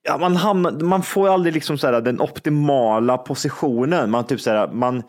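A man in casual chat among friends, rambling and excitable, laughing often. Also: mid-range voice.

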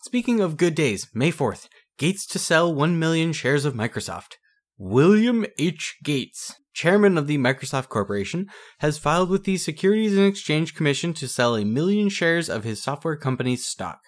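A man with a very lively, swooping voice co-hosts a casual podcast. He reads news clippings with a joking edge and swears casually. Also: on the high side, normal speed. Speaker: podcast co-host. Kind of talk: casual chat reading old news.

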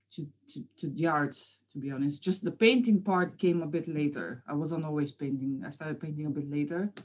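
Hesitant and full of fillers and restarts, a guest artist from Bulgaria in her thirties chats about her work in an interview. She speaks with a fairly low, darkish voice.

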